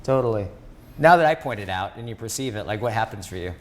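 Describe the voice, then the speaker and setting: A man's voice: lowish voice, lively intonation, fast talker. A man talking as a podcast guest. He reflects aloud, feeling his way through his thoughts. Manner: thoughtful, searching for words. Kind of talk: reflective conversation.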